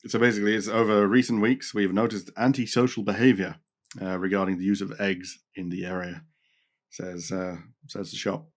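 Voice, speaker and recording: Lowish voiced guy reading the news off a page, lots of ums and stops. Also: level tone, moderate pace. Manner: reads articles aloud with many ums and restarts. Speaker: podcast co-host reading news. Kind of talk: casual news chat.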